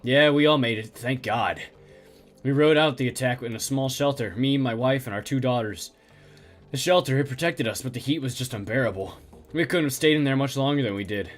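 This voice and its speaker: A man voicing a haunted middle-aged male survivor who speaks in a halting, stammering way. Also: mid-range voice, soft background music, lightly acted. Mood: shaken.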